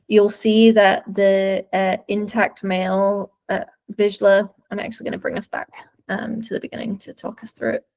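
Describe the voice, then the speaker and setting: A woman's voice: mid-range voice, level tone, moderate pace, vocal fry, a little mellow. A woman dog trainer giving webinar commentary over videos, explaining thoughtfully and searching for words as she goes.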